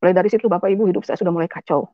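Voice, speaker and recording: A woman's voice: fairly low pitch, fairly even intonation, racing, no room sound, highs cut off. A woman giving an emotional personal testimony, often turning to address her audience directly. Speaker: testimony speaker.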